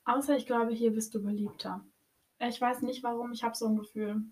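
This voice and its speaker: A woman's voice: on the high side, level tone, brisk, a little mellow. A young woman co-hosting a podcast, chatting casually and asking playful, teasing questions. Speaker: podcast co-host. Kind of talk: casual chat.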